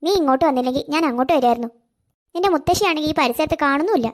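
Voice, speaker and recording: Woman putting on a caring auntie neighbor, lower than her kid voice but still highish, quick talker. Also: close to an everyday voice. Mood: kindly. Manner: warm coaxing, calls the girl dear. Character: kindly middle-aged neighbor woman, motherly and caring. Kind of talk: cartoon voice acting.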